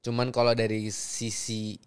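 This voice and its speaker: A man's voice: fairly low pitch, completely flat delivery, a little slow, clean tone. Young man laughing through casual chat. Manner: laughing, fumbling, repeats himself. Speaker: guest actor.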